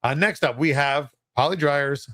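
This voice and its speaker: A man's voice: fairly high pitch, normal speed, sharp tone, no echo, studio quality. A man hosting a livestream giveaway, announcing in a casual, chatty, unpolished and self-deprecating way.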